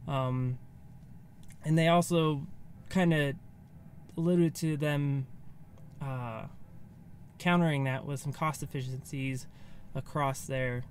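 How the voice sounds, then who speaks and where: An American vlogger in his thirties gives a casual, off-the-cuff recap to camera from inside a car, phrasing things loosely as if thinking aloud. His mid-range voice has fairly even intonation and a slow pace, with faint ambient noise in the background.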